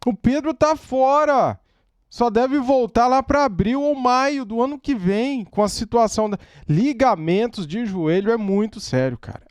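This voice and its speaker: Brazilian man, fan reaction host: high, swooping, agitated, dry close sound. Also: a little slow, smooth, no room sound. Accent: Brazilian Portuguese. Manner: agitated, exclaiming, repeats "cara". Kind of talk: emotional fan reaction commentary. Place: at home.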